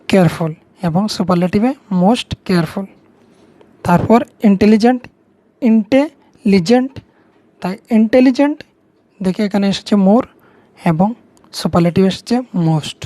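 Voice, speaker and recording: A woman's voice: mid-range voice, normal speed, long pauses, dark tone. A woman with a Bengali accent, patiently explaining English grammar to students step by step, repeating key words. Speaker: teacher.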